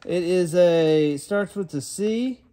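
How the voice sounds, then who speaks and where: A man, chatting excitedly and rambling as he unpacks boxes in a cluttered storage room. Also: high voice, slow pace, a little hiss or hum. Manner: excited, rambling, talks to viewers as y'all. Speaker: storage unit reseller host. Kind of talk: casual unboxing chat.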